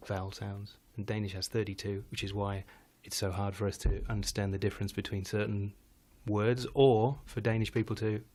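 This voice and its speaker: Speaking from his Danish home studio as a guest on a live show, this musician chats in a rambling, self-correcting way, frequently restarting or trailing off and laughing now and then. His voice is fairly low and darkish in tone, flat in delivery, a little fast, with few pauses.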